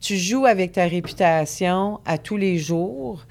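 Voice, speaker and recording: A woman's voice: lowish voice, expressive, unhurried, a little mellow. A woman in her forties with a Quebec French accent, a business owner chatting as a guest in an interview, often restarting her sentences. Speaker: guest entrepreneur. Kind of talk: casual interview.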